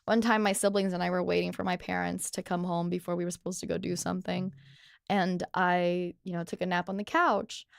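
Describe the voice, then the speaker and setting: A woman's voice: lowish voice, flat delivery, a little fast, creaky, clear, resonant tone, no room sound, clean studio sound. A woman hosting a podcast, telling stories in a casual chat with lots of fillers and laughter. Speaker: podcast host.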